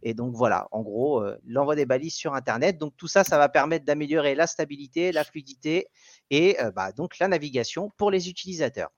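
A man's voice: a little high, brisk, no room sound, lo-fi sound. A man hosting a casual tech podcast, explaining news with many fillers and restarts. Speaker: podcast host.

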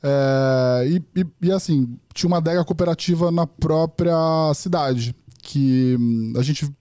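A man's voice: a little high, unhurried, dark tone, no echo, clean studio sound. A man from Brazil, a podcast guest, chatting casually in an interview and rambling through many restarts and fillers.

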